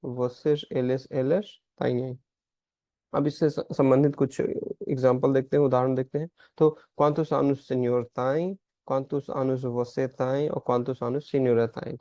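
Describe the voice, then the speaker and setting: A man giving a recorded language lesson, explaining in Hindi and reading out Portuguese examples slowly. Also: mid-range voice, mellow, no echo. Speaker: language teacher. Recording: dry, slightly dull lo-fi sound.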